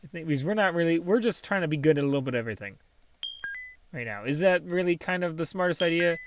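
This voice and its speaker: Rambling man with a higher voice. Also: expressive, quick pace, a little hiss or hum. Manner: rambling, thinks aloud with frequent ums and laughs. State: has the hiccups. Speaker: gaming channel host. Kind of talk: casual let's-play commentary.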